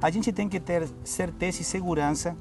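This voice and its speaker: A high, gravelly male voice at a moderate pace belongs to an Argentine fitness instructor with an Argentine Spanish accent. He explains things in a friendly way, often closing phrases with "tá?", during a TV studio interview and demonstration, with background music playing in the studio.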